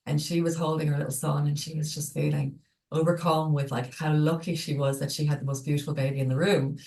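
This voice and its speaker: A woman speaking as a clinical psychologist guest in a webinar discussion, explaining in a measured way over a video call. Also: deep voice, flat delivery, vocal fry, warm tone. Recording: echoey room, distant mic.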